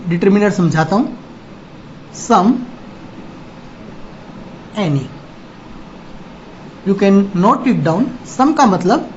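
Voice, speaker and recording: Guy teaching grammar, drags out each word, pitch jumps all over, kinda muffled recording with light hiss. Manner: dictates slowly, repeating example words one by one. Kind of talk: classroom grammar lesson. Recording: dull lo-fi recording, faint noise.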